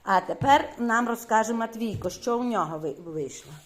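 A woman teaching a classroom of young children, questioning quickly and praising often. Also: a little high, lively intonation. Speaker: primary school teacher.

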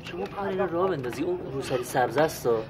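An actor playing a flustered sitcom fixer with a fairly high voice, who pleads and bargains to talk his way out of every mess. Noise sits clearly behind him. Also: expressive, natural voice. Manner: wheedling, pleading, talks himself out of trouble. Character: fast-talking flustered man juggling favors and lies. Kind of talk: TV sitcom acting.

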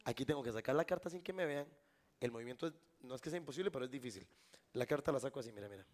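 A man's voice: medium pitch, lively intonation, racing. A Costa Rican man performing a live magic trick on stage, joking with a volunteer and the crowd. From Costa Rica. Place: live event before an audience.

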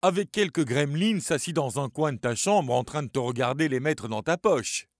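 A man's voice: a little high, expressive, moderate pace, dry recording, studio quality, voice pushed up. A man doing a teasing young friend. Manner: mocking, playful.

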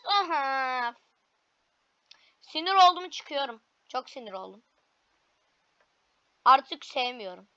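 A woman commentating her own gameplay, excitable, with frequent frustrated cries and cheers. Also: high-pitched, no echo, highs cut off. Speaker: gaming video creator.

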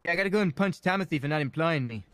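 A man boasting and trash talking in an improvised roleplay, brash and loud-mouthed. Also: a little high, animated, racing, no echo. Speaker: roleplay player.

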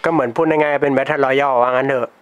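A man's voice: mid-range voice, fairly even intonation, brisk, highs cut off, loud music behind the voice. A teenage boy talking casually and chattily in a prank vlog, laughing often and using slang. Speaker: YouTuber prank caller. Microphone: desktop computer mic.

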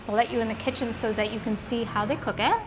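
Woman chewing while talking, higher voice. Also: steady tone, fast talker, background noise. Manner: savoring, enthusiastic food descriptions. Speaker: food vlogger. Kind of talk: casual food tour vlog.

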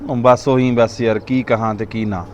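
A man acting in a village drama, teasing and bantering quickly. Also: mid-range voice, fairly even intonation, darkish tone, dull audio, slight background noise.

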